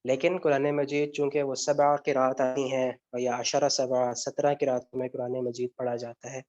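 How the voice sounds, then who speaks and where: A man's voice: mid-range voice, little pitch movement, darkish tone. A male teacher giving a lecture step by step, often asking a question and then answering it himself. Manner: explains step by step, asks and answers his own questions. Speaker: Arabic grammar teacher. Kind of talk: online lecture with student questions. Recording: dull lo-fi sound.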